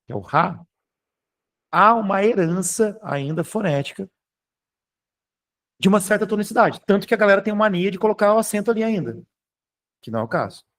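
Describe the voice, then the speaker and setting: A man's voice: sits high, expressive, a little fast, long pauses, fairly bright tone. A man with a Brazilian Portuguese accent teaching a grammar class online, explaining step by step and checking in with students often. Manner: explanatory, keeps checking in with "tá?" and "beleza?"; informal, occasionally swears.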